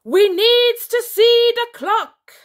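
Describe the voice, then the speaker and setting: A woman voicing a huge, panicky monster general who shouts slowly in broken grammar. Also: extremely high pitch, expressive, pitched above the performer's own voice, full character voice. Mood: bellowing. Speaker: teacher reading aloud.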